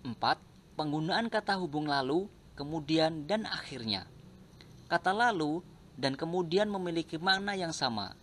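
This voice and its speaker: A man's voice: fairly high pitch, slight background noise. Man reading a grammar lesson. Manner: slow, even, list-like reading. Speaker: teacher.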